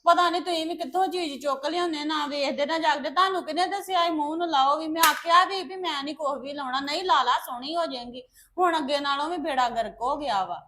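A woman's voice: sits high, quick pace, hardly any pauses, pushed and bright, a little hiss or hum. An actress playing an upset young daughter who complains to her mother. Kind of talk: web drama acting.

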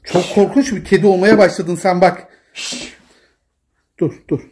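Father pleading over and over to calm down. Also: sits high, unhurried. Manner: pleading, repeats short calming commands, gently scolding. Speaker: father filming his daughter at play. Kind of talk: casual home video.

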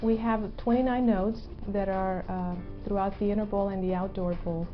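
A woman in her forties, an IT director speaking in a measured, businesslike way in a corporate testimonial interview, filmed in a studio. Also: medium pitch, fairly even intonation. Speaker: stadium IT director. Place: indoor studio before a logo backdrop. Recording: slightly dull audio with faint music.

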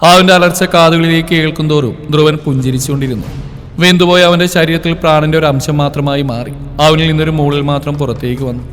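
A man reading out a story as its storyteller, with a steady, dramatic delivery. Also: on the high side, a little fast, a little hiss or hum. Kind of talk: scripted story narration. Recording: long reverb, soft music behind.

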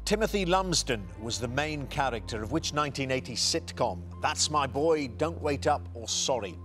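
A man hosting a television quiz show in a studio, briskly reading out questions and answer options. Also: medium pitch, expressive, a bit bright, faint music behind.

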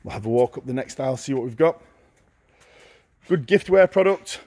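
A middle-aged man walking through a large warehouse, listing auction lots in short, brisk phrases as he goes. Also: mid-range voice, animated, darkish tone. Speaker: auctioneer giving a viewing tour. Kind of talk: walking tour commentary. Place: large indoor warehouse with shelving.

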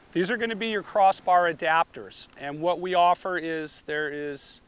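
Standing by a car on a beach, a middle-aged product demonstrator walks through a roof rack step by step in plain terms, captured outdoors by a camera mic. His voice is on the high side with a fairly bright tone.

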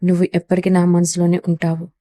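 A woman's voice: fairly low pitch, monotone, fast talker, mellow, natural voice. A woman voicing a wounded, obsessive young mafia don who speaks tenderly and pleadingly to the woman he loves.

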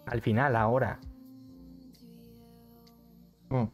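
A man's voice: medium pitch, little pitch movement, extremely slow, faint music behind. A young man, chatting casually on a live stream from a neon-lit bedroom, repeating phrases and reading the chat aloud. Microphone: studio mic on arm, headset.

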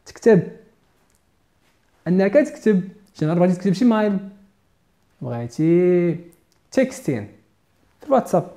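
A Moroccan man giving a casual online English lesson, switching between English and Moroccan Arabic and repeating key words slowly for emphasis. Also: sits high, dark tone. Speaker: English teacher.

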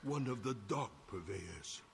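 A dying old game sensei, coughing, weak, solemn, unhurried. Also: male voice, lowish voice, lively intonation, gravelly, a bit bright, slightly rough, exaggerated voice. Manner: slow solemn warnings. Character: dying old male martial-arts sensei, grave.

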